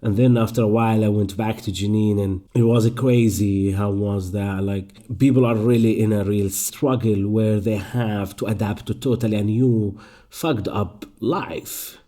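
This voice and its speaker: A young man from Palestine speaks English with an Arabic accent, answering interview questions in a low, mellow voice. He talks thoughtfully, pausing and restarting as he works through his answers. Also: fairly even intonation. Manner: thoughtful, halting, many restarts. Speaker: actor and performer. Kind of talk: interview conversation.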